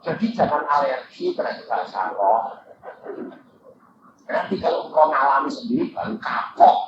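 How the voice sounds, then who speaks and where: Older man, preacher, lively storytelling sermon, dull far-off echoey hall recording. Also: moderate pace, background noise. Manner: animated, swings from low asides to high shouted quotes. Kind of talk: sermon with anecdotes.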